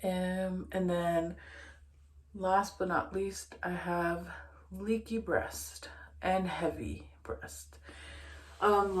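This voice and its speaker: A young woman, short of breath, chatting casually to camera in a rambling way, full of fillers and restarts. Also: lowish voice. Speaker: vlogger. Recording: echoey room.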